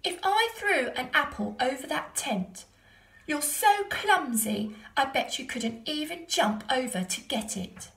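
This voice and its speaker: Woman doing a cheeky high-voiced boy. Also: expressive, measured pace, vocal fry, a bit bright, reverberant, full character voice, low-quality recording. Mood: teasing. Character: clever cheeky young boy.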